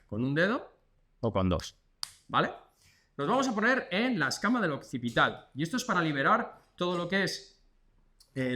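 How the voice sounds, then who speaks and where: A man's voice: a little high, sharp tone. Chatty Spanish physiotherapist man. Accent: Spanish from Spain. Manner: counts repetitions aloud, chatty and instructive. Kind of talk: exercise demonstration.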